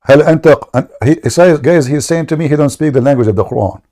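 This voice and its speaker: A man's voice: on the high side, normal speed, warm tone. A man hosting a call-in debate, pressing his questions again and again and relaying the caller's words to his audience in English and Arabic. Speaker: host of a call-in debate show. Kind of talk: combative live debate with a caller.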